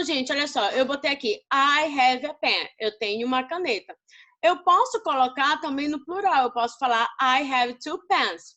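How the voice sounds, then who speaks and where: High-voiced Brazilian woman teaching. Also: fairly bright tone. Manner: explanatory, checks understanding often. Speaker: English teacher. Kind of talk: recorded class lesson.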